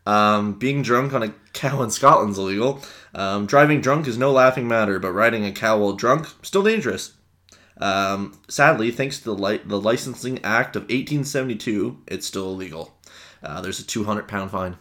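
A young man from Canada with a fairly low voice, co-hosting a laid-back podcast. He jokes around, laughs a lot and swears casually as he reads out odd facts. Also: expressive, normal speed, a bit bright. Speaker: podcast co-host. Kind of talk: casual chat.

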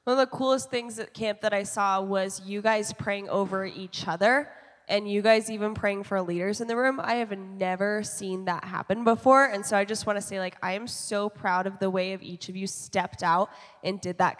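A woman's voice: mid-range voice, steady tone, moderate pace, in a large hall. A woman in her twenties, a youth pastor on a panel, explaining in an encouraging way with everyday examples. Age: 20s. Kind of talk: panel Q&A teaching.

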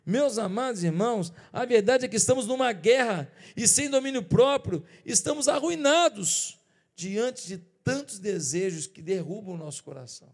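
A Brazilian man preaching a sermon as pastor, colloquial and lively, acting out everyday scenes and rising to forceful emphasis. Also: high-pitched, moderate pace. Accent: Brazilian Portuguese.

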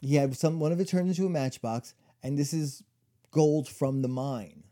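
Rambling, dark-voiced man telling stories. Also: a little high, normal speed. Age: 40s. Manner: rambling storyteller full of "like" and "you know". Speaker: podcast co-host. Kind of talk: casual chat, storytelling.

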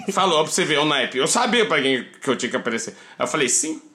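A man tells stories as a podcast guest. His pitch sits a touch high and swings widely as he acts out each line of dialogue. He laughs often between lines. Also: sing-song, fast, pushed and bright. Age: 30s. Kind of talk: laughing anecdotal storytelling.

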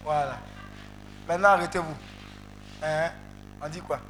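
A high-voiced male preacher drives an interactive sermon, calling on his congregation and breaking into loud exclamations. His tone is bright and sharp, with faint noise in the background. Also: a little slow. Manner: animated, calls out to the congregation, bursts into loud exclamations. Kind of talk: interactive sermon with call and response.

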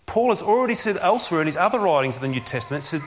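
A man's voice: on the high side, very animated, rapid-fire, slight background noise. A man preaching a sermon as a pastor, earnest and emphatic, often asking rhetorical questions.

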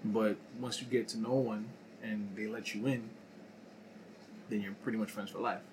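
A man's voice: on the low side, steady tone, normal speed. A man in casual podcast chat, thinking aloud with frequent fillers and hesitations. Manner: reflective, hesitant with many fillers. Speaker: podcast co-host. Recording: noisy room recording.

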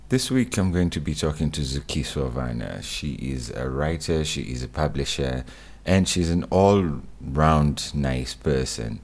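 A man hosting a podcast, giving a measured, scripted introduction of his guest. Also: a bass voice, expressive, a little mellow. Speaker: podcast host.

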